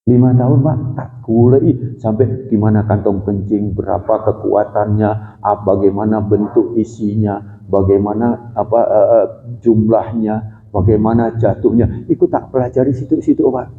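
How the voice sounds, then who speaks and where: A man with an East Javanese accent, a doctor giving a lively, hands-on health talk to a mosque congregation, directing listeners step by step. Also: lowish voice, moderate pace. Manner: lively, demonstrative, directs the audience. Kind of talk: casual religious health lecture. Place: large mosque hall. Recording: echoey hall, dull lo-fi sound.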